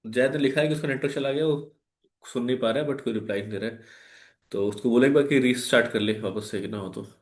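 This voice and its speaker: A man's voice: medium pitch, quick pace, roomy sound. A man with an Indian accent teaching a live online maths class, explaining step by step and putting questions to his students. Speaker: maths tutor.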